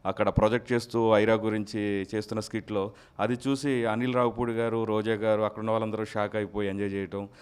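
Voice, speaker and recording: A soft-spoken man with a lowish voice, guest on an interview. He answers in a measured, polite way. He sounds like he is in a studio. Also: little pitch movement, smooth. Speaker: mimicry artist guest. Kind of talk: casual interview chat. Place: recording studio.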